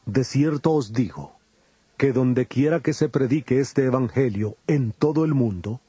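A man playing Jesus in a dramatized scripture recording, a solemn and authoritative teacher with measured delivery. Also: medium pitch, dark tone, breathy edge, dry recording. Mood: firm, gentle. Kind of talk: dramatized scripture audio acting.

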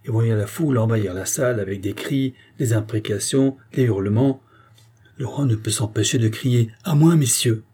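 A man narrating a historical novel as an audiobook in a steady, measured storytelling voice. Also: lowish voice, breathy edge.

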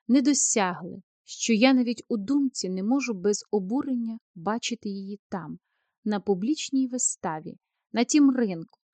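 Smooth-talking male doctor, persuasive and earnest, read by a woman narrator in a dry booth. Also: on the high side, warm tone, dry recording. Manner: earnest, coaxing, then defensive. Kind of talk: audiobook character reading.

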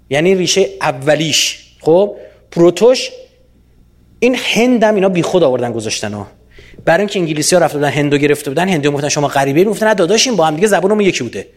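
A man from Iran giving a lively public lecture, often quizzing his audience with rhetorical questions. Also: high voice.

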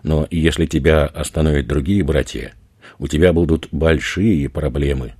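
A man voicing a rough, crude male street robber who swears and bullies, in a husky raised voice. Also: extremely low pitch, normal speed, no room sound. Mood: threatening. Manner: loud, swearing, bullying.

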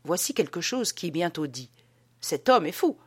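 A woman narrates a literary audiobook in a lowish voice. Her reading is animated, with wide, lively swings in pitch, and she carries the storytelling with expressive emphasis. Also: normal speed, slightly rough.

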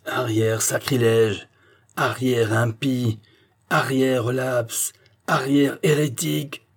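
A man's voice: mid-range voice, animated, normal speed, warm tone, slightly rough. A man voicing an insolent, angry country priest who hurls curses in an audiobook reading. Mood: cursing.

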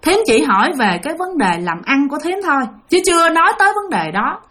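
A woman's voice: high-pitched, big pitch swings, a little fast, pushed and bright, slight background noise. A woman telling a ghost story in a chatty way, speaking straight to her listeners. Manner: chatty, addresses listeners directly. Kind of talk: spoken ghost-story narration.

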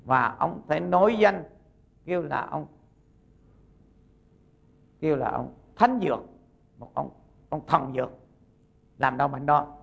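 A Buddhist monk, giving a sermon as folksy storytelling and acting out the characters' lines. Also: male voice, on the high side, animated, unhurried, creaky, long pauses.

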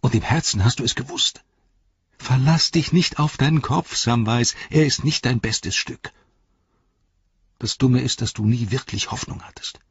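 Guy doing a worried hobbit scolding himself, hushed, raspy, muffled audio. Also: mid-range voice, moderate pace, voice pushed up. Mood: reproachful. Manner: hushed, self-reproaching. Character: anxious young male hobbit scolding himself.

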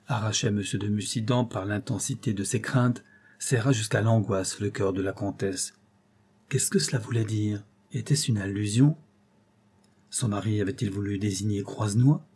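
Male audiobook narrator, measured and dramatic, warm husky tone. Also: fairly low pitch. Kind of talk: scripted literary narration.

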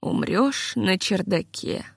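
Woman reading as a weary gentle composer. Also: medium pitch, lively intonation, normal speed, no echo, studio quality, lightly acted. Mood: tender. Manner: weary, self-reproaching, pleading. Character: anxious gentle middle-aged male composer.

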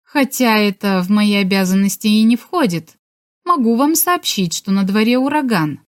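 A woman voicing a sharp, sarcastic female lab official in an audiobook, her tone scolding and caustic. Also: on the high side, animated, moderate pace, voice pushed up, natural voice. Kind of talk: audiobook character voice.

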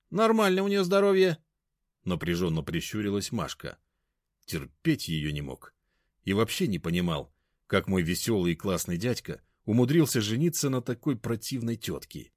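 Lively low-voiced male narrator. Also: no echo, studio quality. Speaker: audiobook narrator. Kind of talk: first-person audiobook narration.

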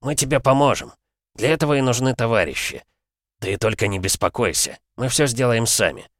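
A man voicing a cynical middle-aged police chief who scolds sternly and coaxes with false gentleness. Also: medium pitch, expressive, a little fast, dry recording, clean studio sound, pitched above the performer's own voice, natural voice. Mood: falsely gentle.

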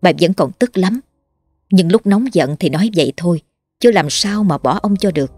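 A woman narrating a horror story in a measured, dramatic way. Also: fairly low pitch, animated, mellow, breathy edge, no echo, clean studio sound. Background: faint music.

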